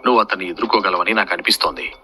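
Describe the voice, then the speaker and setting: A man's voice: sits low, rapid-fire, lightly acted. A man reading the lines of a scheming young warrior woman from a fantasy story, in a plain storytelling voice. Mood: sly.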